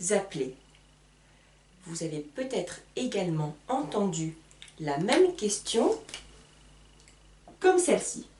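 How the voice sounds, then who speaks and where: A woman teaching a beginner lesson, speaking slowly and deliberately and spelling out sounds. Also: a little high, dark tone. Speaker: French teacher. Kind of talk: slow beginner French lesson at a whiteboard. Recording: echoey room, voice from far off.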